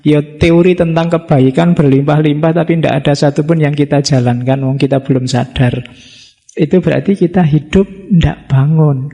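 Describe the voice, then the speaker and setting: A man's voice: a little high, fairly even intonation, moderate pace, warm tone. A middle-aged man with a Javanese accent giving a casual, joking religious study lecture in a mosque hall. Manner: chatty, joking asides, plainspoken. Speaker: lecturer on Islamic philosophy.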